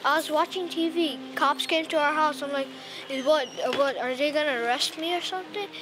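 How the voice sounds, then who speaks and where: A woman's voice: high voice, a little fast, noisy background. Young woman telling a story, chatty. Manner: chatty, peppered with "like". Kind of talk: casual storytelling.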